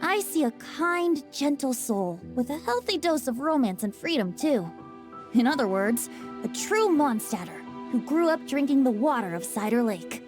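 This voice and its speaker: A playful, wine-loving wind god in the form of a young bard in a video game. The voice sits high and swings through a lively sing-song range, teasing and often breaking into laughter. Faint game music runs underneath. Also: female voice, normal speed. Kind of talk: video game character dialogue.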